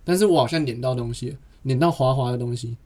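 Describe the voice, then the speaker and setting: A young man who talks fast, in a dark mid-range voice, chats casually on a podcast. He tells long rambling anecdotes that run together through one "and then" after another.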